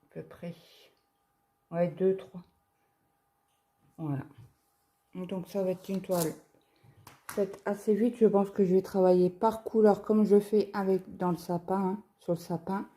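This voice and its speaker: A woman's voice: medium pitch, fairly even intonation, measured pace, long pauses, mellow. A French woman presenting a cross-stitch kit in a casual, chatty unboxing vlog, talking through it with fillers and small hesitations. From France. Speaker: craft vlogger. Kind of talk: casual unboxing show-and-tell.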